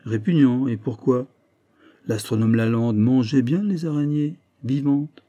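A man's voice: medium pitch, a little slow, dark tone, highs cut off, natural voice. Man doing an insistent, probing investigator. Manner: emphatic, probing, raised and tense. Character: sharp, insistent male investigator unveiling a crime.

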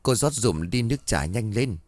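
This is an excitable country man in a spoken ghost story who fusses over everyone in a hurry. His voice is lively in pitch and the sound is close and dry, with a man reading him. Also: normal speed, dry recording, natural voice. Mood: fussing. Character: fussy, excitable middle-aged male villager.

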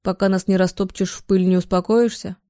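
A woman reading the part of a domineering middle-aged father who scolds and shouts at his grown son. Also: mid-range voice, steady tone, brisk, dry recording, studio quality, natural voice. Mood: mocking.

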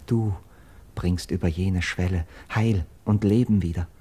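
Here a slightly rough, dark-toned low voice holds steady as the actor plays a young Greek nobleman pleading urgently and persuasively in verse for radio. The diction is measured and declamatory, the feeling exalted and full of hope.

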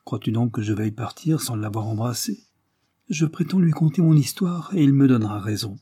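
A man's voice: mid-range voice, lively intonation, fairly quick, mellow, husky, no echo, clean studio sound. A man voicing an earnest, dutiful young nobleman.

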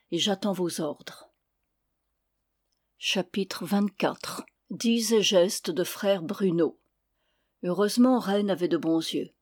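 Low-voiced woman reading a novel aloud. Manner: even, measured reading with quoted dialogue. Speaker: audiobook reader. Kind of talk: scripted narration of a historical novel.

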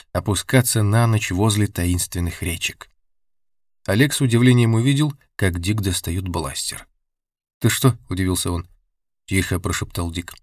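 Low-voiced man reading a novel. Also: a little mellow, dry recording, clean studio sound. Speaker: audiobook reader. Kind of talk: scripted narration.

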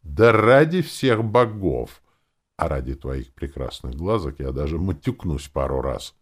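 Male reader as chatty wheedling entertainer man, exclamatory, lively pitch. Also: measured pace, breathy edge, full character voice. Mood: fussy. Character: fussy chatty male showman host, wheedling.

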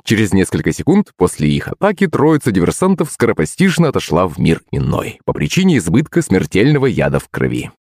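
A man narrating an audiobook in first person with a wry, expressive delivery. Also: low-pitched, brisk, hardly any pauses, dry recording, clean studio sound.

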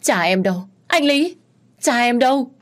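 A woman's voice: medium pitch, a little slow, darkish tone, pitched above the performer's own voice, lightly acted. A woman voicing a young woman who sobs and pleads in panic. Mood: desperate. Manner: crying, pleading cries.

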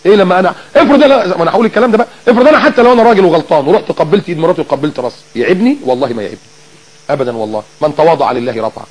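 A man preaching in Egyptian Arabic, lively and full of rhetorical questions and repeated phrases. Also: high-pitched, rapid-fire, husky, rough recording. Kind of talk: colloquial audio sermon.

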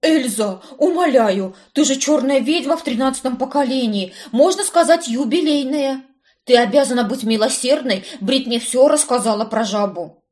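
A woman's voice: sits high, lively intonation, unhurried, pitched above the performer's own voice. A woman voicing a half-trained young male sorcerer who begs and whines in panic. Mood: pleading whiny. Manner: whining, begging.

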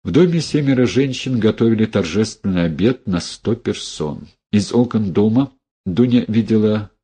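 A man narrating a literary novel aloud in a measured, dramatic manner. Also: lowish voice, expressive, warm tone, slightly rough. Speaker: audiobook narrator.

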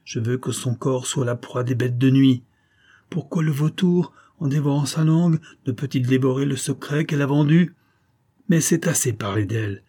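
Man reading as a fierce old priest, grave and somber, mellow husky voice, audiobook. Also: medium pitch, moderate pace, pitched above the performer's own voice, close to an everyday voice. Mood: grim.

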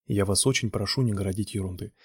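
Stubborn male painter, read by a man, low, husky, exasperated insistence. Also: quick pace, no echo, studio quality. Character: flustered stubborn male artist.

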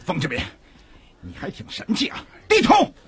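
An actor playing a harsh soldier who proclaims a prisoner's parade, barking and drawing out his words over a loud street crowd. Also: very high-pitched, wildly swooping pitch, normal speed, vocal fry, soft background music, exaggerated voice. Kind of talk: radio drama acting.

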